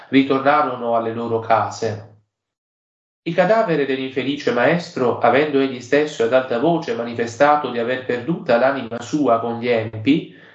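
A man reading an old legend aloud in a halting way, with many fillers and restarts. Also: medium pitch, roomy sound, dull audio. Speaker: reader.

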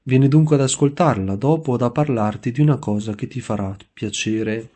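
A male narrator gives voice to a gentle young priest in a spoken storybook, devoted and earnest. He asks his questions kindly, in a mellow, dark tone at a middling pitch. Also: a little fast, husky, close to an everyday voice.

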